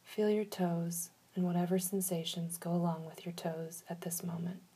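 A woman leading a guided relaxation in a soft, soothing manner, giving slow instructions with long pauses. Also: fairly low pitch, steady tone, husky.

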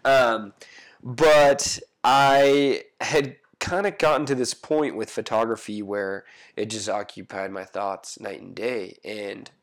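A man in his thirties speaks with a low, rough, gravelly voice, stuffed up from a head cold. He recounts his path at an easy, thoughtful pace as a guest being interviewed in his own home. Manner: reflective, thoughtful storytelling. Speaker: photographer guest. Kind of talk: casual interview conversation.

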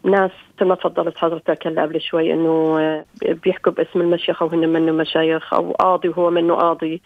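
A woman's voice: low voice, flat delivery, fast, no room sound. A woman calls in over the phone to ask a religious question, hesitant and full of fillers and restarts. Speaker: caller. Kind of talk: call-in question to a religious show. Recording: dry, phone-like line.

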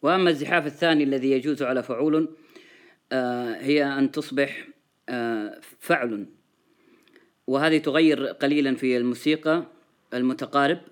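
A man teaching Arabic poetry, explaining the meters and chanting their syllable patterns in a slow, sing-song rhythm, with a Saudi accent. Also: mid-range voice, fairly even intonation.

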